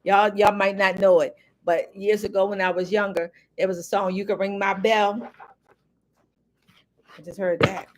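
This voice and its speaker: A woman in mid-range pitch hosting a live stream in a loose, rambling way. She speaks directly to her audience and calls them y'all, with a casual, unscripted flow. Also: little pitch movement, moderate pace, long pauses, noisy background. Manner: rambling, talks straight to viewers as y'all. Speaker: livestream host.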